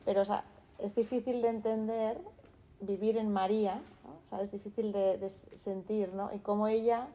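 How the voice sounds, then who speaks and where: A woman's voice: mid-range voice, level tone, normal speed, warm tone. Hesitant woman asking questions. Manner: searching, hesitant, tag questions. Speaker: audience member asking questions. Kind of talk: questions in discussion.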